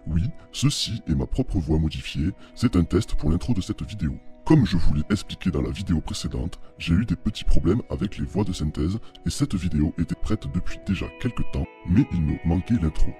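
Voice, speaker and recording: A man's voice: low voice, big pitch swings, fairly quick, mellow. Man with a half-robotic modified voice. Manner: direct appeals to viewers. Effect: own voice run through a voice changer, half robotic. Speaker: channel host. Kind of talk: scripted video intro. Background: guitar music.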